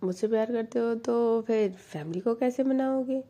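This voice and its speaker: Woman doing a pushy young woman in love, low gravelly mellow voice, begs then snaps. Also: normal speed, natural voice. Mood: urging. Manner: pleading then sharp and exasperated.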